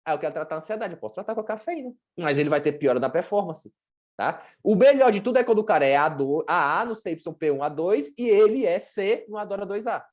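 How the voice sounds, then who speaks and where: Teaching a sports nutrition workshop in an informal way, a woman with a Brazilian Portuguese accent speaks fast and animatedly in a fairly low, darkish voice. She's blunt and chatty, using slang and acting out examples.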